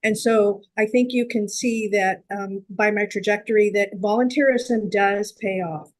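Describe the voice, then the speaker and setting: A woman's voice: mid-range voice, steady tone, unhurried, low-quality recording. Earnest woman guest from San Jose. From San Jose, California. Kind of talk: interview conversation.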